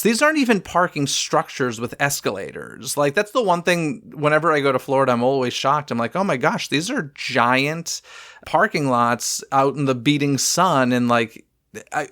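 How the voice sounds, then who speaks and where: A man co-hosting a casual podcast, chatty and quick with asides and easy laughs. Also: medium pitch, a bit bright. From Southern California. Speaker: podcast co-host.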